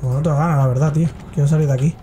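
A man's voice: on the high side, steady tone, rapid-fire, mellow, a little hiss or hum. A man streaming a horror game, swearing and reacting with jokey running commentary. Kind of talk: horror game let's play.

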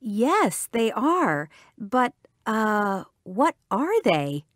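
A woman acting a cheerful, curious young woman in a textbook listening dialogue, clearly enunciated. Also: a little high, big pitch swings, drawn-out words, a bit bright, dry recording, studio quality, full character voice.

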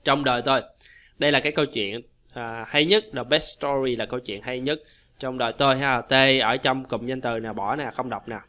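Guy teaching pronunciation, bright voice, talks fast then drags out example words. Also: mid-range voice. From Vietnam. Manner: chatty, repetitive, quick asides with slow modeled English words. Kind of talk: casual explanatory lesson.

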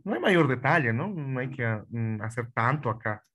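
A man's voice: mid-range voice, expressive, normal speed, a bit bright, husky. Male teacher, online class, patient, repeats himself, video call audio. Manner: patient, repeats phrases, asks students questions. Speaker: English teacher.

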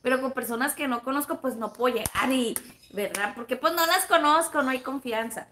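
There's a little hiss or hum as a woman with a Sonoran Mexican Spanish accent talks briskly on her livestream, her high voice bright and forceful. Friendly and full of gossip, she goes through viewer comments and refers to her audience as comadres and plebes.

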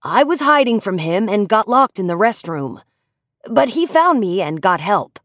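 A woman voicing a mischievous young schoolboy who worries easily and calls out high and loud. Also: very animated, unhurried, dry recording, clean studio sound. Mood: earnest.

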